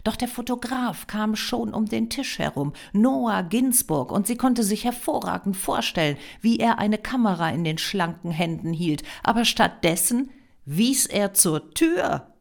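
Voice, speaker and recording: A woman narrating a novel as an audiobook, expressive and dropping to a whisper in tense passages. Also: mid-range voice, unhurried, gravelly.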